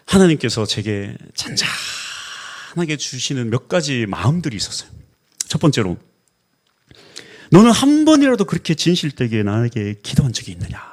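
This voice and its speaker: A middle-aged man preaching a Sunday sermon as pastor, telling stories and acting out the dialogue in them. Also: high voice. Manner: animated storytelling, acts out quoted dialogue.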